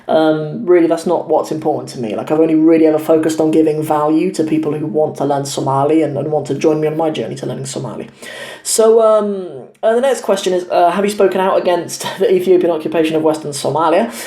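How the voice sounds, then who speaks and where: Young male channel host, halting casual Q&A delivery, warm tone, lapel mic in a reverberant room. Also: a little high. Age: 20s. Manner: hesitant, many fillers and restarts. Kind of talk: casual Q&A talk to camera. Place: his home in Cornwall.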